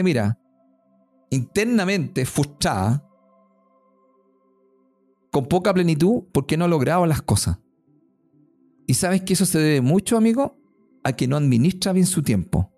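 A man's voice: on the high side, warm tone. A man giving motivational advice in a podcast chat, preaching and calling the listener "amigo" again and again.

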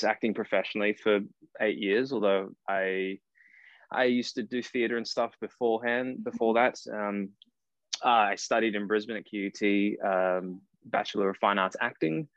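Australian man, early thirties, guest actor: low voice, loose and rambling, dry lo-fi call sound. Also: a bit bright, dry recording. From Cairns, far north Queensland, Australia. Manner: rambling, self-correcting, laughs at himself. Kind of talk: casual podcast interview. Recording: dry, dull lo-fi call audio.

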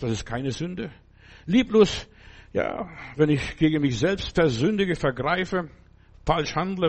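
A man's voice: on the high side, creaky, slightly rough. An older man preaching a sermon in a conversational, emphatic way, often asking his listeners whether they understand.

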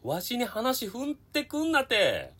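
A woman playing a timid, insecure middle-aged male radio co-host who speaks a fake Kansai accent and mumbles and hesitates, turning gruff when annoyed. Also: a little high, wildly swooping pitch, slow, full character voice. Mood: grumbling, defensive. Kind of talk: comedy radio sketch.

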